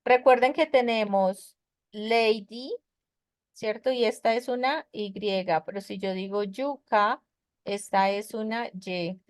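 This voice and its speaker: A woman teaches English grammar in an online web conference class, her voice on the high side and slow, recorded cleanly in a studio with no echo. She is patient, explaining step by step and asking plenty of questions to check her students are following.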